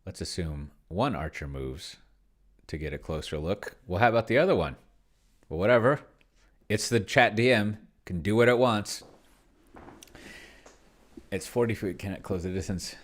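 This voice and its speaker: A streamer playing a tabletop game alone talks through it on screen share in a deep voice with lively intonation, at normal speed with long pauses. He thinks aloud in a rambling way, mutters to himself, and reads out text and his typing.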